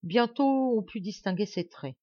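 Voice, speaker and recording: Woman, calm novel narration, muffled lo-fi, no room echo. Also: mid-range voice, a little slow. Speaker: audiobook reader. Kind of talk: scripted narration of a classic novel.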